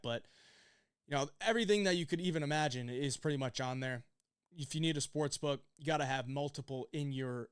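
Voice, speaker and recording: Smooth-voiced man giving casual fight picks. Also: fairly high pitch, no room sound, clean studio sound. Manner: loose, opinionated, swears casually, many fillers. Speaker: UFC betting picks host.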